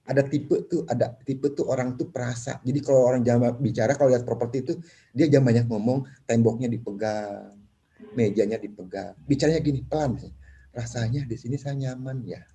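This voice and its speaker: A man speaking at a property seminar, animated, acting out clients in quick voices. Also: mid-range voice. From Indonesia. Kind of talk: lively seminar talk.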